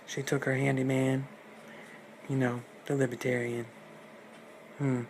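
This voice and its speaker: A man's voice: medium pitch, little pitch movement, a little slow, a little mellow. A man telling a fairy tale in a casual, rambling, musing way, on a noisy recording. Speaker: storyteller. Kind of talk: casual improvised storytelling.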